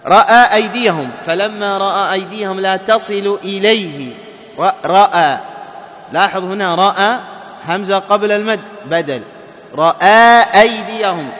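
A Quran recitation teacher with a high, somewhat bright voice teaches in a muffled, reverberant hall. He questions the class, supplies the answers himself and chants example words.

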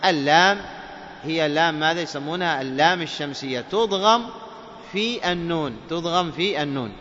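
A man teaching the rules of Quran recitation. He quizzes listeners with questions and chants the examples slowly. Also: on the high side, sharp tone, slight background noise. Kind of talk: tajweed lesson. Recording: dull lo-fi sound with long reverb.

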